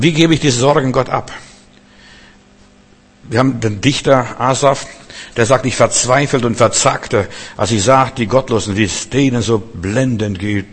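A man preaching a conversational sermon, speaking to the listener directly and building to loud, emphatic outbursts. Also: on the low side. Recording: long reverb.

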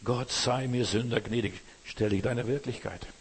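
A man's voice: mid-range voice, steady tone, moderate pace. A man preaching a sermon in German, earnest and exhorting, speaking directly to his listeners. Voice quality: husky. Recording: reverberant hall.

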